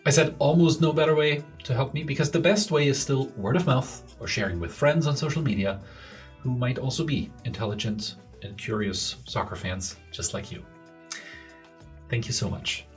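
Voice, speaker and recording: A man's voice: medium pitch, expressive, normal speed, soft background music. A man hosting a podcast who earnestly asks for listener support and introduces his guest, repeating words for emphasis. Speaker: podcast host. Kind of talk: podcast host appeal and introduction.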